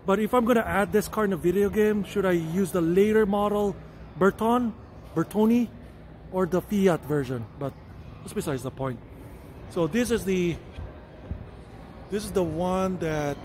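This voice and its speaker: A man's voice: sits high, slight background noise. Chatty man touring a car museum. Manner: chatty, rambling, self-correcting, hedges often. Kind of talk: casual walkthrough narration. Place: indoor car museum hall.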